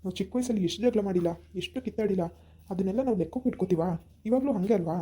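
Rahul, a woman putting on a wounded loyal young man, reproachful questions, voice pushed down low, very dark tone, amateur village drama. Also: very fast, breathy edge, natural voice. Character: hurt young man, loyal old friend.

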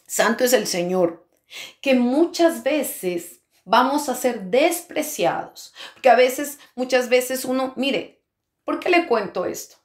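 A woman's voice: sits high, animated, slow pace. A woman preaching a fervent sermon testimony, breaking into exclamations of praise and speaking in tongues. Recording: roomy echo.

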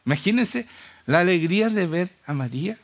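A man's voice: high-pitched, lively intonation, moderate pace. A Chilean man preaching a sermon with urgent, impassioned rhetorical questions.

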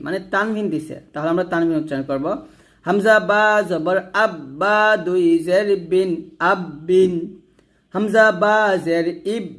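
A man teaching Quran reading, spelling out letters slowly and then blending them into words for viewers to repeat. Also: high-pitched. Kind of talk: step-by-step recitation lesson.

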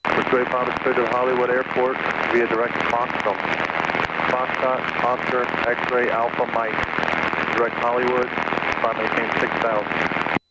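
A man's voice: medium pitch, fairly even intonation, unhurried. A man working as an air traffic controller, giving procedural instructions over crackly radio. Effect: crackly aviation radio. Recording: very noisy crackly radio channel.

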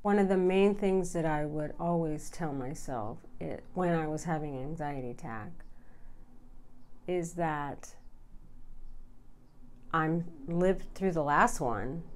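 A middle-aged woman telling her story candidly to camera, informal and confiding, with deliberate pauses. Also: low-pitched, darkish tone. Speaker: vlogger. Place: small furnished room indoors.

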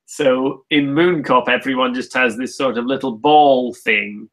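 A man who creates comics, talking about his work in a relaxed, thoughtful, self-deprecating way with frequent restarts. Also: mid-range voice, measured pace, rough recording. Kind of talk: casual conversation.

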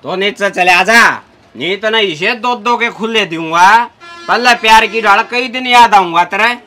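A man's voice: high voice, moderate pace, pushed and bright, soft background music. A young man with a Haryanvi accent playing a brash, sarcastic bus conductor who scolds and mocks in a comedy sketch. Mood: scolding. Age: young adult. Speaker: comic actor. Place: inside a parked bus.

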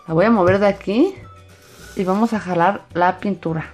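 A woman chatting excitedly to young viewers as the host of a casual craft vlog. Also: mid-range voice, moderate pace, husky, soft background music. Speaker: host of a children's slime channel. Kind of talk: casual craft vlog, explaining as she goes.

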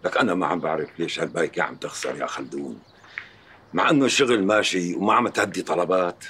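An actor playing a stern, quick-tempered middle-aged father with a Syrian accent, gruff and scolding. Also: deep voice, slight background noise. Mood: worried. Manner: gruff, scolding, shouts when crossed. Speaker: shop owner. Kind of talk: TV drama acting.

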